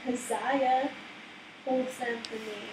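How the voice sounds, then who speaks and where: A tall, hooded figure in a robe delivers slow, ominous pronouncements, as a woman puts him on at the game table. The voice sits a bit high. It echoes around a room, picked up from a distance with noise underneath. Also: fairly even intonation. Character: tall robed hooded man, booming and ominous.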